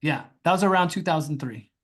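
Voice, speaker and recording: A man with a fairly high, brisk voice, the founder of a pond construction company, guests on a casual podcast interview and tells a story. He's an animated storyteller, swearing freely, acting out the voices of people he quotes, and keeping things lively and loose with plenty of asides.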